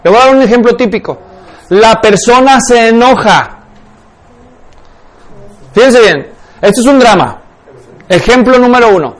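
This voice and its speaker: A man's voice: very high-pitched, animated, a little slow, long pauses. A man teaching a class in a lecture on spiritual life, constantly questioning his students. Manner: keeps asking the class questions.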